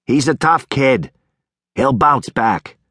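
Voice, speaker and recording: A male narrator voicing a burly, gruff middle-aged hot dog vendor with a husky, growling voice in an audiobook. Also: mid-range voice, lively intonation, slow pace, a bit bright, no echo, studio quality, voice pushed up, full character voice. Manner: growling, teasing. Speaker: street vendor.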